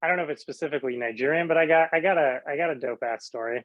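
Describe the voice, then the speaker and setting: A man's voice: on the high side, racing, a bit bright, no echo, lo-fi sound. A man, an actor guest, chatting casually with eager, slangy enthusiasm. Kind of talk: casual chat.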